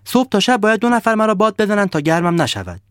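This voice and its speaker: A man's voice: sits high, very animated, clear, resonant tone, no echo, clean studio sound, voice pushed up. A man voicing a bossy, greedy snowman who barks rude orders at villagers in a storybook tale. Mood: decreeing. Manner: barking orders, rude and demanding.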